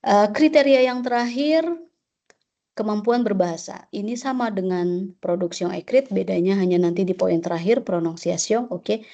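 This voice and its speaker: A woman's voice: mid-range voice, moderate pace, dark tone, dull audio. A woman teaching a webinar lecture as an exam instructor, often checking in with "oke?" and mixing French terms into her explanations.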